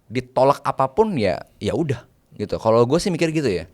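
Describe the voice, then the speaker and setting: Man, interview guest, mid-pitched, casual slang, English phrases mixed in, numbered tips. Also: very animated, a little fast. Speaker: guest, private banker.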